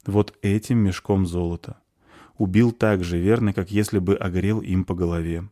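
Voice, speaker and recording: An impulsive young man, weighed down by guilt and speaking in an agitated way, as a man reads him. The voice stays close to the reader's own, warm and low in a dry space. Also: fairly even intonation, normal speed, close to an everyday voice. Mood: troubled. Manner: agitated, remorseful.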